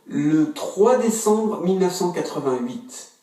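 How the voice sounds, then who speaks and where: A man playing a young Swiss man enrolling in business school, in a scripted language-course dialogue with slow, careful delivery, heard from far off in an echoey room. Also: high-pitched, expressive, dark tone. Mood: plain. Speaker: student registering at a school.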